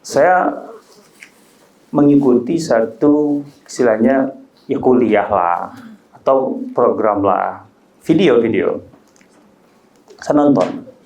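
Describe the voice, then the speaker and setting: A man's voice: medium pitch, slow, long pauses, darkish tone. A man, giving a conversational, joking religious talk that climbs to emphatic peaks. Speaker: Islamic preacher. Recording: roomy echo.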